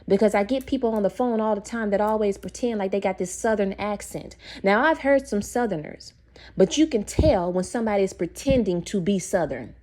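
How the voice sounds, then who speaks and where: A young woman talks straight to her viewers in a casual, opinionated monologue with a preachy edge. Her voice is mellow and warm, at an ordinary middle pitch. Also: a little fast. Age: young adult. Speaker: video host.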